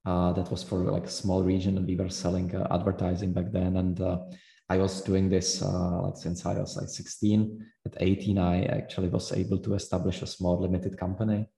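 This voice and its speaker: A man in his late thirties with a Czech accent, a podcast guest who talks in a measured way with many hesitant fillers. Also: deep voice, gravelly, warm tone. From Czech Republic. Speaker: guest entrepreneur. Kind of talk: podcast interview. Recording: roomy echo.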